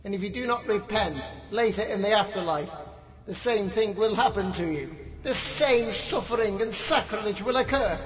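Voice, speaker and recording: A man's voice: high voice, normal speed, reverberant, in a large hall, recorded from a distance, over music, natural voice, low-quality recording. A man voicing a pompous, bombastic tyrant leader who proclaims himself God, in a comedy audio sketch. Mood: grandiose.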